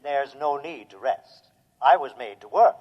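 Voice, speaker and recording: An actor playing a polite, tireless robot in a 1950s radio drama, speaking in a measured, literal way on a muffled old recording. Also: male voice, medium pitch, lively intonation, slightly rough. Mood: calm, eager to serve. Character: polite, tireless, obliging humanoid robot named Albert.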